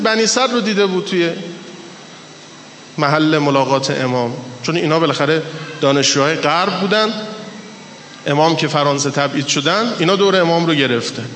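A man's voice: fairly high pitch, a bit bright. A man preaching a storytelling sermon, stretching out key words for emphasis. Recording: echoey hall with long reverb, faint background hiss.

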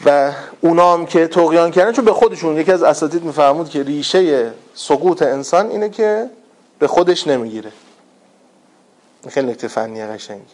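A man preaching in a relaxed, conversational way, his voice sitting a little high for a man. He slips into other people's voices when he quotes them and pushes his delivery harder as he builds a point. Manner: conversational, acts out quoted voices with rising intensity. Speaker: religious speaker. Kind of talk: colloquial religious talk.

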